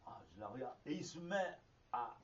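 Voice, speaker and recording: A man from France gives a spoken zen teaching, drifting through an anecdote with pauses, fillers and restarts. His voice sits at an ordinary middle pitch. It is heard from well back in the room on a muffled, lo-fi archive recording. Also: lively intonation, a bit bright. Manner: halting, with frequent restarts and fillers. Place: meditation hall. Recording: distant, dull lo-fi archive recording.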